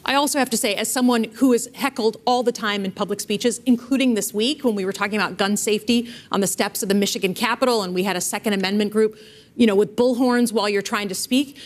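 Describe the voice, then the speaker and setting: A woman's voice: mid-range voice, fairly even intonation, fast. A woman politician on a discussion panel, direct and assertive.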